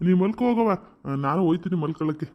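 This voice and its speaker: A man's voice: high-pitched, very fast, muffled recording, a little hiss or hum, natural voice. A man voicing a mild, placating grown son and husband in a cartoon comedy, talking in a soothing way.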